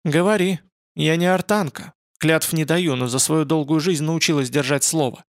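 A man voicing a wary, stern old woman servant who speaks curtly in a hoarse voice. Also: medium pitch, brisk, fairly bright tone, no echo, studio quality. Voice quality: hoarse from sleep. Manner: curt, suspicious.

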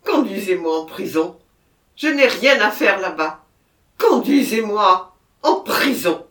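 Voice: mid-range voice, lively intonation, slow, far from the mic, voice pushed up. A reader voicing a terrified man who has confessed to murder and begs to be taken to prison, in a storybook reading with a roomy echo. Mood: panicked pleading. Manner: loud, pleading and panicked.

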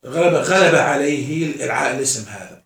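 A man's voice: on the high side, lively intonation, normal speed, vocal fry, a bit bright. A man teaching a class as a sheikh, often asking his students questions and answering them himself. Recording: echoey room, mic far off.

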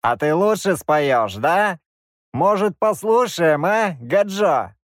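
Brief: male narrator as a sneering Roma heavy, calm threat, lively swings in pitch, dry audiobook. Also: takes it slowly, no echo, exaggerated voice. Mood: mocking. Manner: mocking, calm, drawn out. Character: grim middle-aged male Roma, mocking and menacing.

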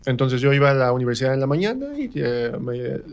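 A man with a central Mexican accent, a stage actor, is being interviewed on the radio and casually relates personal anecdotes, acting out what people said. His mid-range voice is smooth with vocal fry, fairly quick, and swings widely in pitch.

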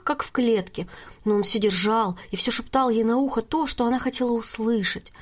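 A woman narrating a novel chapter in a steady, even audiobook reading. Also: a little high.

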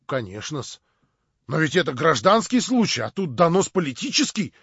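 A man's voice: a little high, big pitch swings, normal speed, vocal fry, fairly bright tone, slightly rough, no room sound, highs cut off, heavily acted. A man doing a stiff, guarded major. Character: stiff cautious army major, deferential.

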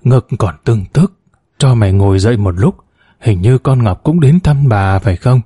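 A man reading the lines of a frail elderly mother lying in a hospital bed, in a gentle, soft way. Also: mid-range voice, lively intonation, normal speed, breathy edge, dry recording, clean studio sound. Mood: tender.

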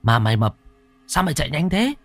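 Man playing an excitable curious kid, high voice, rapid questions, storybook ghost tale. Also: no echo, faint music behind. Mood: eager. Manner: eager questioning. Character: curious, excitable twelve-year-old village boy.

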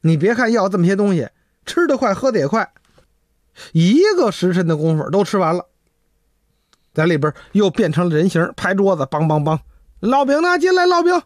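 A man's voice: high voice, normal speed, long pauses, no echo, clean studio sound. A man telling a folk tale with vivid sound words. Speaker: storyteller.

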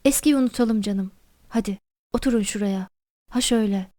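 A woman's voice: medium pitch, normal speed, mellow, dry recording, clean studio sound, lightly acted. A woman voicing a jovial, talkative older male postmaster who speaks in a hearty, coaxing, familiar way.

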